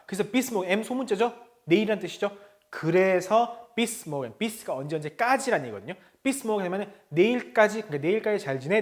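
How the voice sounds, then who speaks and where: A man with a high-sitting voice teaches a language lesson, saying each phrase slowly before explaining it. He frequently checks in with his learners.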